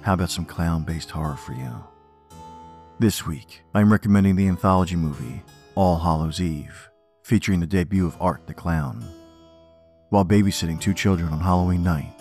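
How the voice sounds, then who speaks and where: A man's voice: low-pitched, a little mellow. A man narrating as a horror host, scripted and playfully macabre, teasing the listener. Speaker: host of a horror storytelling podcast. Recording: music under the voice.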